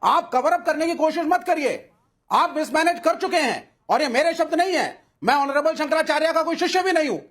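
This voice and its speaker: A man's voice: very high voice, lively intonation, a little fast, a bit bright. A man on a TV debate panel, making his point emphatically and with some force. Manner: pleading, then emphatic argument. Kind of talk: televised political debate.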